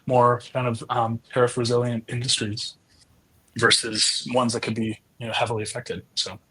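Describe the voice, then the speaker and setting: A man's voice: medium pitch, completely flat delivery, moderate pace, bright, forceful tone, slightly rough, poor audio. A man speaking as a guest on a panel, hesitant and often repeating words as he talks. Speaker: staffing director, panel guest. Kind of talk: casual panel discussion.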